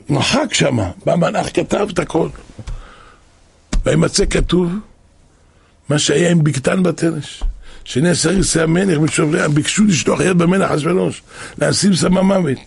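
A man preaching a religious story in a dramatic way, acting out voices and breaking into shouts, with a very husky, gravelly voice. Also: fairly high pitch, pauses often, no room sound. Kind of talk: animated storytelling sermon.

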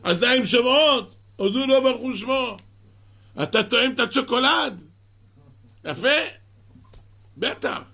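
A man, a religious teacher, giving a Torah sermon in an animated storytelling way, often asking the listener questions. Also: very high-pitched, vocal fry, long pauses.

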